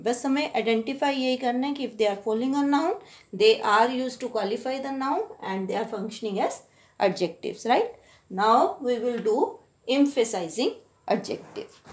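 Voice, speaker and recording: Indian lady teacher explaining grammar, kinda high voice, keeps asking right?, echoey room. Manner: explanatory, frequent "right?" checks, mixes Hindi into English. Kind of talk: grammar lesson for school students.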